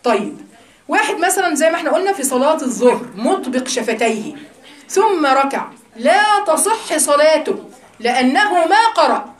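A woman with an Egyptian Arabic accent giving a religious lesson to a group of women, talking in a lively, teasing, conversational way. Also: sits high, normal speed, reverberant. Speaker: religious teacher.

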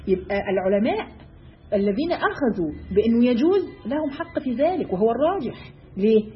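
A woman with an Egyptian accent giving a religious lesson to women, briskly asking her listeners rhetorical questions. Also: on the high side, very animated, slight background noise. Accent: Egyptian Arabic. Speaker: religious teacher. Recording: dull lo-fi recording.

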